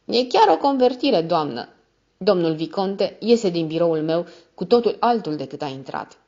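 A woman's voice: lowish voice, very animated, warm tone. The notary, read out by a woman is stern and cold, his lines dry and mock-modest, with just a faint lift over her usual tone. the whole reading comes through a dull, lo-fi recording. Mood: ironic. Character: cold, ironic male notary, middle-aged, stern.

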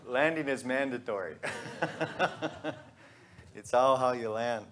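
A pastor in his thirties delivers a sermon in a church sanctuary, his medium-pitched voice set against crowd noise. He keeps it conversational and jokey, pausing and restarting as he goes.

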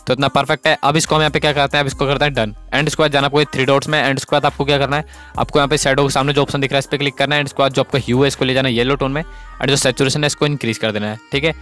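Fast-talking male editing tutor. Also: mid-range voice, little pitch movement, fairly bright tone, soft background music. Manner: instructive, repeats "guys" and "okay". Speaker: photo editing tutorial host. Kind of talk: screen-recorded editing tutorial.

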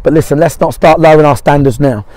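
A middle-aged man, talking as a football manager after a match, speaks fast in a fairly high, slightly mellow voice with no echo. Blunt and matey, he repeats short phrases to drive points home, out on an empty pitch beside a small stand.

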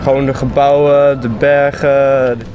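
A man's voice: medium pitch, flat delivery, unhurried, highs cut off. Crude, boastful young Dutch man. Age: young adult. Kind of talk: casual interview looking back. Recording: music playing underneath.

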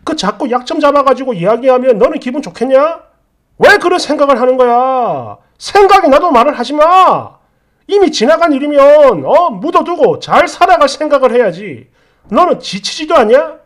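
A woman reading out a defensive husband who snaps and argues with a raised voice, brushing off his wife's complaints. The tone swings a lot, lively and animated, in a storytelling reading. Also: sits high, moderate pace. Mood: irritated. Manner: snapping, raised voice. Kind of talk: storytelling with acted dialogue.

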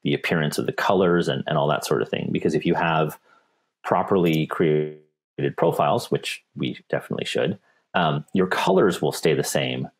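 A man's voice: extremely low pitch, husky. A man, a technical specialist, answering viewer questions in a webinar, with frequent repeats and restarts. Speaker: paper company technical specialist.

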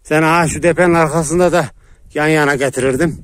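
A man's voice: a little high, fairly even intonation, fast, no room sound. A man chatting casually to viewers while calling and praising his dogs in the countryside, coaxing them over and over. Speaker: dog owner vlogger. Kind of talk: casual vlog narration while handling dogs. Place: outdoors in rural countryside.

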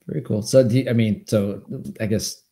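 Very dark-voiced male host, echoey room. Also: fairly low pitch, fairly even intonation, normal speed. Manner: rambling, repeating and restarting phrases. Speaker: podcast host. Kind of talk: casual interview. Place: home office with bookshelves. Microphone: video call webcam. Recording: echoey room over video call.

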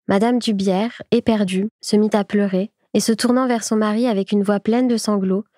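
A woman reads a classic short story aloud as an audiobook. Her narration is even and clear, her tone dark and mellow. The sound is dry and close. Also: mid-range voice, dry recording. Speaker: audiobook reader. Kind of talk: scripted literary narration.

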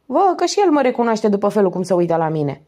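A woman reading aloud and voicing a loud, cheeky male vagrant who talks with easy familiarity. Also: medium pitch, sing-song, voice pushed up.

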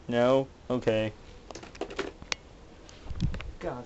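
A man's voice: mid-range voice, muffled recording, background noise. A man hosting his own channel, acting out a melodramatic mock-detective comedy skit in which he questions his toys. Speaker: channel host.

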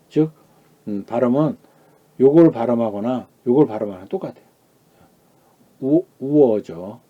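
A man teaching Chinese pronunciation in a lecture, asking the class questions and answering them himself, calling out each sound loudly and high before dropping to a quiet aside. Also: dull audio.

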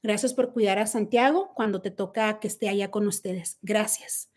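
A woman's voice: mid-range voice, moderate pace, a little mellow. A middle-aged woman with a Mexican accent, hosting a casual livestream chat by phone, brash and profane, mocking her critics. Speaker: livestream host.

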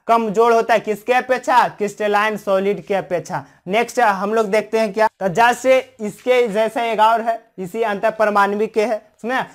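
Chemistry teacher quizzing and self-answering. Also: medium pitch. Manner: asks questions and answers them, keeps checking understanding; repetitive, explains terms twice in two languages. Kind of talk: classroom lecture.

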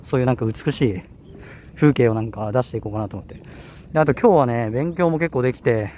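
Filming himself with a handheld camera as he climbs around a hilly campus, this young man talks fast in a warm, medium-pitched voice with a Kanto Japanese accent. He rambles chattily, keeps fixing what he says, and sounds slightly winded, with slight background noise behind him.

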